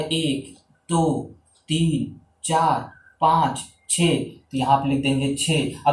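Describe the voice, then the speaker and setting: A man's voice: on the high side, a little mellow, roomy sound, slight background noise, rough recording. A man teaching a maths lesson in Hindi, counting aloud step by step as he draws lines and encouraging the viewers.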